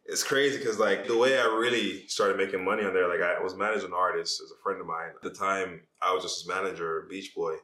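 A man with a Jamaican accent chats loosely and slangily as a guest on a podcast, where he's interviewed casually about his social media page. His low voice is bright and forceful, brisk with hardly any pauses and fairly even intonation. The room sounds echoey.

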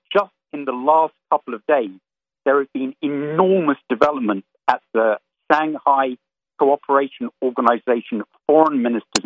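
A man calling into a radio show over the phone, giving a rapid, dense news briefing. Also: medium pitch. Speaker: radio call-in caller. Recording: tinny dry phone line.

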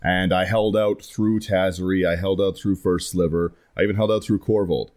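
Deep-voiced man chatting on a podcast. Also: fairly even intonation, moderate pace, a little mellow. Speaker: podcast host. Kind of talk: casual podcast chat.

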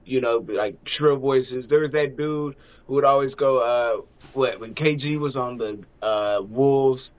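A man's voice: medium pitch, steady tone, measured pace. A man co-hosting a podcast, a parent, talking in loose, profane, joking banter with frequent laughs. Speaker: podcast co-host. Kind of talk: casual chat.

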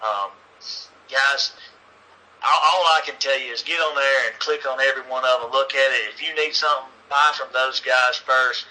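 A man's voice: mid-range voice, steady tone, normal speed, pushed and bright, low-quality recording. A man being interviewed as a racing league organizer, talking in an earnest, folksy way and rallying listeners. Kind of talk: casual interview chat.

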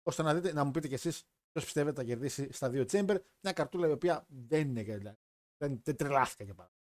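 A man whose voice sits on the high side, a little mellow, hosts a live wrestling chat as a podcast host. Joking and chatty, he rambles and keeps restarting.

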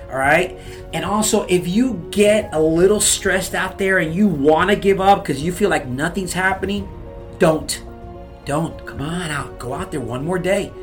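A man with a high-pitched, somewhat bright voice gives a fired-up motivational talk on real estate advice. He pushes his audience hard, repeating "okay?" and "you guys."

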